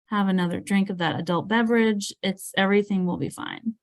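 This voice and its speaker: A woman's voice: mid-range voice, fairly even intonation, a little fast. A woman leading a live virtual painting class, chatting and thinking aloud as she paints, often laughing at herself. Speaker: painting instructor. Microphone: video call.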